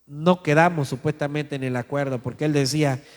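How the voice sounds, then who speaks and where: A man's voice: a little high, fairly even intonation, brisk, in a large hall. A male pastor preaching a sermon, telling a story in a conversational way and speaking straight to his listeners.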